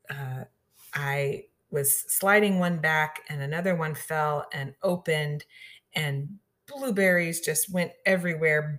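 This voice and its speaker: A middle-aged woman from Southeast Missouri tells a personal story in an easy, rambling way. Her voice sits a little low, and she fills pauses with ums and you-knows. Now and then a laugh slips into her words. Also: a bit bright. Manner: chatty, frequent ums and you-knows, laughs through lines. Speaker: radio show regular sharing stories.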